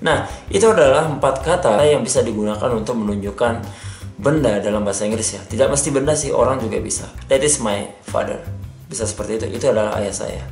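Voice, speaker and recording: A man teaching an English grammar lesson in a casual, patient way, often checking in with "oke" and reading examples slowly. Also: mid-range voice, darkish tone. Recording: echoey room with faint guitar music.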